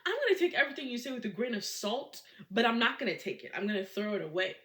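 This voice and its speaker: A woman voicing a skeptical young mother who gives fast, blunt, incredulous answers while retelling a story. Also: a little high, big pitch swings, a bit bright, reverberant. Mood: dismissive.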